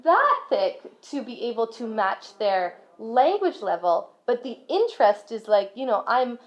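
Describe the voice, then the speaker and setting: A woman with a fairly high, sing-song voice speaks a little slowly as she chats casually with parents on behalf of a school's language program. She's friendly and talkative, using lots of fillers in a relaxed presentation style. The recording sounds dull and lo-fi.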